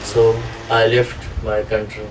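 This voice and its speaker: A man from Afghanistan giving a halting interview testimony in English, often searching for words. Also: on the low side, completely flat delivery, background noise. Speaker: refugee interviewee. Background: background music.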